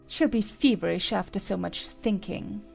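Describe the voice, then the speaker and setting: A woman playing an imperious, snappish Red Queen in a dramatized storybook, brisk, bossy and quick to contradict. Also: mid-range voice, creaky, darkish tone, soft background music. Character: imperious, snappish Red Queen, a haughty chess-piece monarch. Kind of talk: dramatized audiobook acting.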